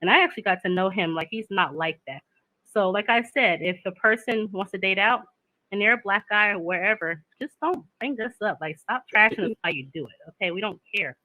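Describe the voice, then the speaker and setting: Woman in her 30s, chatting casual, laughs a lot, sharp bright voice. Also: mid-range voice, a little fast, dry recording, rough recording. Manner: candid and chatty, laughs often. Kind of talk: casual chat.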